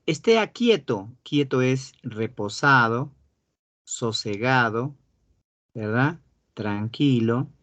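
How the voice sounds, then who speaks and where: A Peruvian-accented male teacher leads a class and drills vocabulary, stretching key words out slowly and throwing questions to his students. The sound is dull and muffled, with a dry, close feel and no room echo. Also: mid-range voice, a bit bright. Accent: Peruvian Spanish. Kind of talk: classroom lesson.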